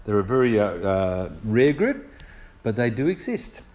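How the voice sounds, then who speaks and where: A man's voice: lowish voice, very animated, measured pace, a little mellow. An older man with an Australian accent preaching a sermon, explaining scripture step by step in a conversational way with personal anecdotes.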